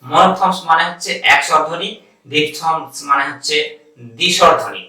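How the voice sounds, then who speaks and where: A Bangladeshi-accented man runs an online pronunciation lesson. He repeats each word slowly several times before explaining it. His voice is bright and a little raised, heard in a very echoey room from some way off the mic. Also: on the high side, distant mic. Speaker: English pronunciation teacher.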